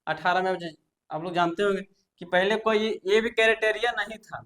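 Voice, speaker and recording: A man's voice: high voice, a little fast, sharp tone. A man, a tech YouTuber, explaining things to viewers in a chatty, reassuring way, often repeating points and restarting sentences.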